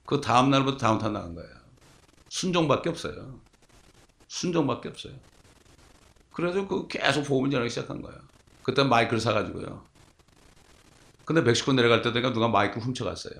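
Gravelly-voiced man preaching a sermon. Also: mid-range voice, lively intonation, fast talker, fairly bright tone. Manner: storytelling preacher, asks the congregation rhetorical questions. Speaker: pastor.

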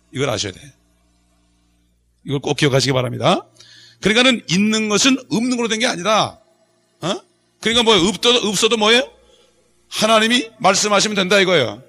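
A man's voice: high-pitched, pushed and bright. A middle-aged male pastor preaching a Bible study sermon, quizzing the congregation and joking with them. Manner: call-and-response preaching, asks the congregation questions; jokes and laughs with the congregation.

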